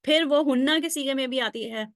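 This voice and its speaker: A woman teacher with a fairly high voice talks over lesson slides, patiently chanting verb conjugations in steady rows. She pauses often to check that the listener is following. The sound is close and dry, with no room around it. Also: no echo. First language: Urdu. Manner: patient, drills conjugations aloud with frequent check-ins. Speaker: Arabic grammar teacher.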